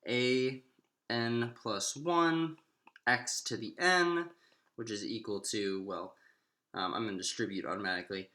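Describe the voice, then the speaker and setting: In a roomy, echoey recording, a male math instructor works through problems in a casual lecture, thinking aloud and posing questions to himself. His pitch sits fairly low, his pace is a little slow, and his delivery sounds pushed and bright.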